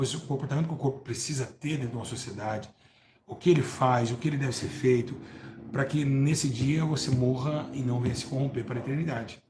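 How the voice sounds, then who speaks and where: A man preaching a live-streamed hellfire sermon, fervent, repeating words and asking listeners for agreement, swinging from loud stresses to low murmurs. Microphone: live-stream mic. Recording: roomy echo with faint background noise.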